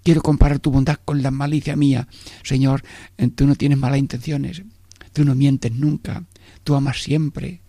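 A man's voice: mid-range voice, flat delivery, moderate pace, mellow, no room sound. A male priest giving a prayerful sermon, often speaking directly to God as a meditation.

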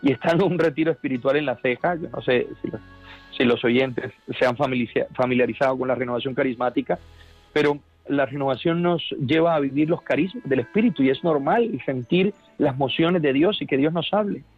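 A man's voice: mid-range voice, a little fast, breathy edge, dull audio, soft background music. A man with a Colombian accent, a priest giving a fervent, earnest personal testimony in a radio interview, often restarting his phrases.

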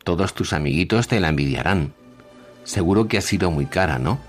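A man's voice: sits low, a little fast, soft background music. A man voicing a cold, persuasive, insistent grey salesman in a storybook reading. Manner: monotone, insistent.

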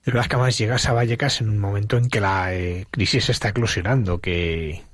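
A man's voice: fairly low pitch, fairly quick, no echo, clean studio sound. A man interviewing, framing a thoughtful question while searching for words.

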